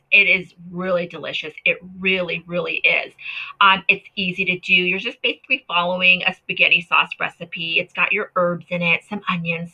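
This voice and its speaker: A woman home cook talking casually and warmly to her viewers about canning, chatty and enthusiastic, often correcting herself mid-sentence. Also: lowish voice, highs cut off. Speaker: home cooking and canning vlogger. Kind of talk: casual talk to camera.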